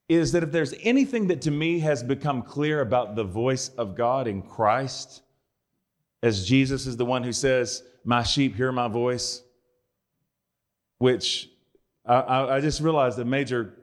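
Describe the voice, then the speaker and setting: Man preaching with wry asides. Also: medium pitch. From United States. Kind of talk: sermon.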